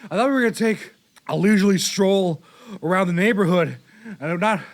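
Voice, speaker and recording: A man's voice: high-pitched, fairly quick. Comedy sketch: man as an exasperated, dry-witted buddy who doubts everything. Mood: annoyed. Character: skeptical, grumpy young man, sarcastic.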